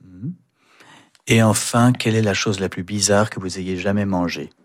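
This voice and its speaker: A man's voice: fairly low pitch, steady tone, moderate pace. A male radio host interviewing a guest in an easygoing, joking way, with hesitant fillers.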